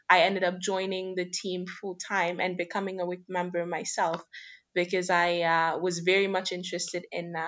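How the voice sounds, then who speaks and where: A woman's voice: on the low side, fairly bright tone. A woman from Senegal, giving conversational answers as an interview guest. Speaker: guest, women's investment organisation member.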